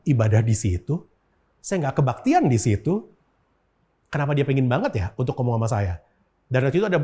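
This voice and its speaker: A man's voice: medium pitch, warm tone. A man, a guest in an interview, telling a personal story in casual chat, with frequent filler words. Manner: storytelling with frequent 'gitu' fillers and acted-out quotes.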